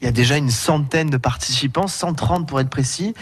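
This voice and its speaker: Husky-voiced chatty male radio reporter. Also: mid-range voice, brisk, no echo. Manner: chatty, with many fillers. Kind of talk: casual radio interview.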